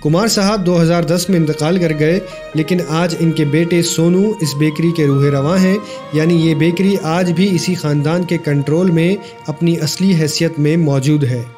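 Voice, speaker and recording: A man narrates in a formal, measured documentary voice-over, reading a scripted history. His voice sits a little high, and music plays clearly beneath him. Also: steady tone, a little mellow. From Pakistan.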